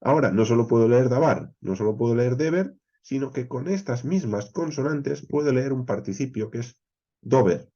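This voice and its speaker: A man from teaching a Bible class, explaining step by step, with frequent "eh" pauses, often checking in with "¿vale?" and "¿bien?". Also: mid-range voice, expressive, warm tone, muffled recording. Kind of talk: expository Bible class lecture.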